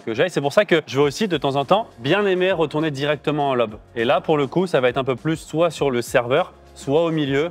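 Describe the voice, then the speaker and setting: A young man presenting an informal padel tutorial in an explanatory, conversational way. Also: fairly high pitch. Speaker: padel player and coach-like presenter. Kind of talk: casual tutorial talk.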